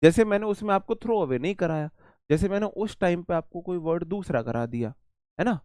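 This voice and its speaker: A man's voice: high voice, lively intonation, fairly quick, a little mellow, no room sound. A man teaching English vocabulary in a live online class, chatty and repeating words while he explains memory tricks and answers the chat.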